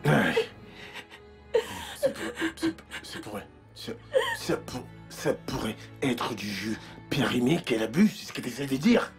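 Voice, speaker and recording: A man's voice: mid-range voice, sing-song, unhurried, vocal fry, faint music behind. An actor playing an anxious husband in a dubbed drama, soothing his wife while urgently pressing her to keep a secret. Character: anxious husband hiding something.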